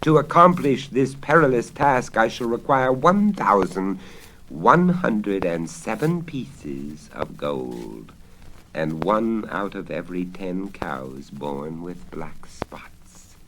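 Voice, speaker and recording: A man's voice: low voice, sing-song, takes it slowly, a bit bright, full character voice. A man voicing a cunning, greedy old wizard in a theatrical, coaxing storybook manner on a crackly vinyl record. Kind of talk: dramatic storybook reading. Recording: crackly 1970s vinyl spoken-word record.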